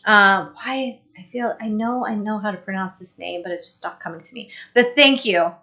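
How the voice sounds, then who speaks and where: A woman's voice: medium pitch, normal speed, bright, forceful tone. Woman, young adult, casual live-stream co-host, reads chat aloud, chatty. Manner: chatty, reads comments aloud, laughs easily.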